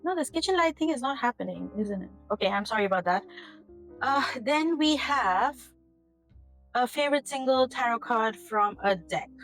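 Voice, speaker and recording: A woman's voice: a little high, lively intonation, moderate pace, fairly bright tone, soft background music, low-quality recording. Earnest, rambling woman chatting to camera. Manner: rambling, earnest, gets emotional and laughs. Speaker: tarot channel host. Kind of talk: casual chat to camera. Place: home kitchen.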